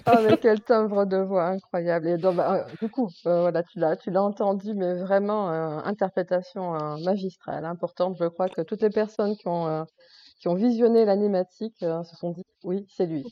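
A woman's voice: fairly low pitch, moderate pace, dull audio. A woman author hosting a casual live chat who laughs often and fills her talk with "euh" and "voilà". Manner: chatty, laughs often, many fillers.

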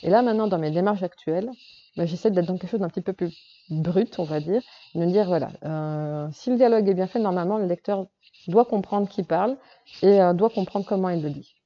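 A woman's voice: fairly low pitch, fairly quick, lo-fi sound. A woman novelist giving a casual talk on writing craft to a group, hesitant and full of fillers and restarts. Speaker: novelist speaking to a workshop group.

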